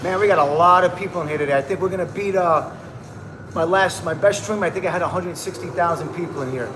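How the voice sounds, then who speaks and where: A man with a high voice talks fast while hosting a casual livestream, hyped and slangy, calling viewers "bro" and "man." Background noise and music mix with the echo of the room.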